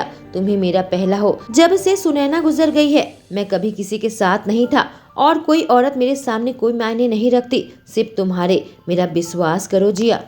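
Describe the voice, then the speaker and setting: A woman's voice: on the high side, dark tone, close to an everyday voice. A woman voicing a young husband who pleads and insists that his wife believe him.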